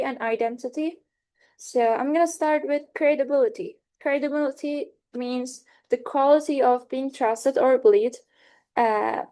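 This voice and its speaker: A young Turkish woman gives a class presentation in a Turkish accent, her voice sitting high and mellow. She's hesitant as a student presenter, with many fillers, restarts and self-corrections.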